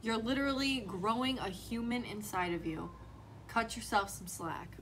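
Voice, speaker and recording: A woman's voice: on the high side, normal speed, slight background noise, low-quality recording. Frank, chatty young woman vlogger. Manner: frank and reassuring, heavy use of "like". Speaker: vlogger, pregnant mother. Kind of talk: casual chat to camera.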